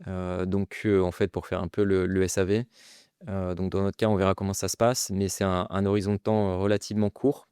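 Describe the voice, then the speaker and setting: A French man, a startup founder, talking casually as a guest in an interview, pausing often with fillers and restarts. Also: deep voice, level tone, warm tone, smooth, dry recording, clean studio sound. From France. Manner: hesitant, many fillers and restarts. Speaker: guest entrepreneur.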